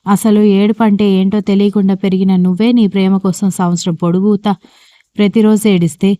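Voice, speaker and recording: A woman's voice: medium pitch, flat delivery, fairly quick, dark tone, no echo, natural voice. A woman reading as a teasing old grandfather.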